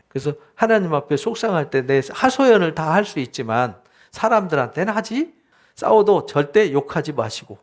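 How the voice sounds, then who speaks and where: A middle-aged male pastor preaching a conversational sermon, acting out prayers and laughing now and then. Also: sits high. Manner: laughs while speaking. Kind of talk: sermon, Bible exposition.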